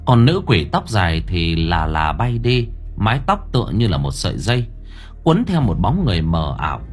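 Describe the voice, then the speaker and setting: Man, audiobook narrator, horror story, husky, lively intonation, lowish voice. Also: moderate pace, soft background music. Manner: dramatic, animated storytelling.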